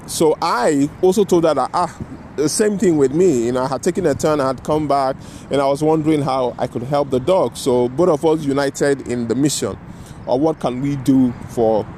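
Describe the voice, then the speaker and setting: A man's voice: medium pitch, darkish tone, a little hiss or hum. A man telling a personal story in a loose, rambling way, often checking in with "you know" and "right?". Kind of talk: casual storytelling monologue.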